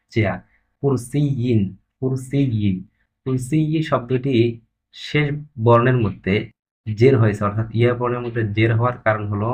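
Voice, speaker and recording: A man teaching an online class, explaining step by step and repeating key terms, reciting examples slowly and loudly. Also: lowish voice, low-quality recording. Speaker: Arabic grammar teacher.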